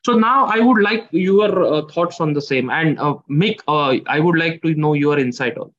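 High-voiced man, muffled lo-fi audio. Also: fairly bright tone. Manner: halting, questioning. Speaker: therapist presenting a case. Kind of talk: professional discussion. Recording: dull lo-fi sound.

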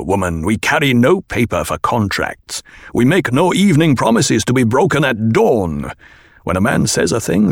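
Guy playing a stern desert chief for an audiobook, gravelly, slow and grave, dry sound. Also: on the low side, dry recording, full character voice. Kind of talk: audiobook reading.

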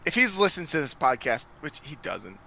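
A man's voice: a little high, very animated, normal speed, creaky, pushed and bright. A young man co-hosting a podcast, brash and swearing in casual chat. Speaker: podcast co-host.

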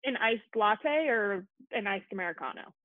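A young woman from Colorado hosting a casual chat, talking quickly and poking fun at herself. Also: medium pitch, expressive, dry recording. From Colorado, USA. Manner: chatty, quick, self-deprecating. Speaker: podcast host. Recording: tinny phone-like call audio.

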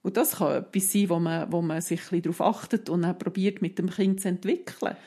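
A woman who calmly explains parenting advice, step by step, in a casual podcast chat. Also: lowish voice, quick pace, husky.

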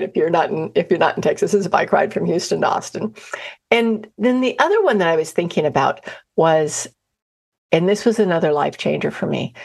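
A woman's voice: lowish voice, husky. A woman who guides outdoor trips, telling chatty personal stories in a self-deprecating way and acting out what people said. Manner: acts out quoted dialogue with lively voices. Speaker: outdoor adventure guide and trainer. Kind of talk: personal storytelling talk.

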